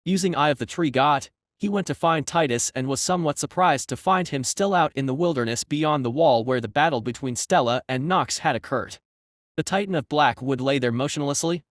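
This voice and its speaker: A man reading a fantasy story recap as steady scripted narration. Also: a little high, dry recording, studio quality.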